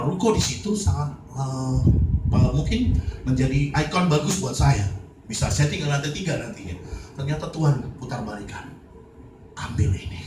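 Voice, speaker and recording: Male pastor preaching a story, playful and quick to laugh, mid-pitched voice, heard from a distance in a noisy, echoey church hall. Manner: lively, joking, laughs often. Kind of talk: storytelling sermon.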